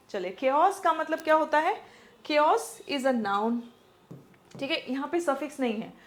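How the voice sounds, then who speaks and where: A woman with an Indian accent teaching English vocabulary for exams, explaining patiently in Hindi mixed with English and checking in with "okay?". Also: a little high. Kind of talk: exam-prep vocabulary lesson.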